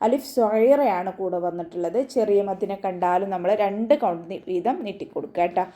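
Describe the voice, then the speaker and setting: A woman's voice: mid-range voice, mellow. A woman teaching Quran recitation in an online lesson, explaining pronunciation patiently, step by step. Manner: patient, step-by-step instruction with frequent tag questions.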